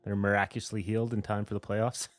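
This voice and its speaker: A man's voice: fairly low pitch, flat delivery, fast talker, dry recording. A man co-hosting a casual radio interview, upbeat and teasing, laughing a lot. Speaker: radio show co-host.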